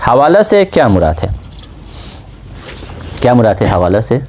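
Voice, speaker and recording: Lively-voiced male seminary lecturer. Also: mid-range voice, slight background noise. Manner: asks questions and answers them himself. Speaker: seminary teacher. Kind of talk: classroom lecture on Islamic law.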